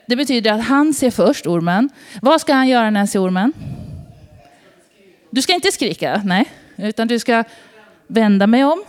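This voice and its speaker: A woman from Sweden giving an informal sermon, telling personal stories and asking the congregation questions. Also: on the high side. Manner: conversational, asks the audience questions. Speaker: preacher.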